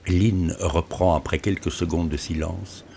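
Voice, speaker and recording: A man reading his own novel aloud in calm, measured audiobook narration. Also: sits low, creaky, slight background noise.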